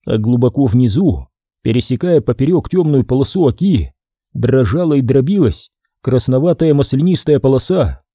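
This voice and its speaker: A man reading a historical novel aloud in a lively, theatrical way. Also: mid-range voice, slightly rough, no room sound, studio quality. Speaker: narrator.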